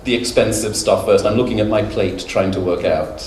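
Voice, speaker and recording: A man's voice: on the low side, steady tone, normal speed, darkish tone. A middle-aged man from the UK giving a conference lecture, conversational and humorous, with anecdotes and filler words. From United Kingdom. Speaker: conference speaker. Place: conference hall. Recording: echoey hall, mic far off, faint noise.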